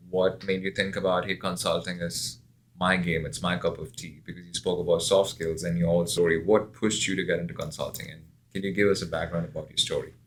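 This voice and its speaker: A man with a very low voice who hosts the interview and asks the guest long, open-ended questions. Faint noise sits under his voice. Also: poor audio. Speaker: interview host.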